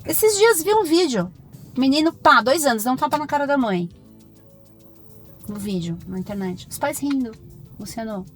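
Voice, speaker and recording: A Brazilian woman, a pediatrician, talking as a podcast guest in firm, animated stories full of acted-out dialogue. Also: sits high, moderate pace, long pauses, soft background music. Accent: Brazilian Portuguese. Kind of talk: podcast interview conversation.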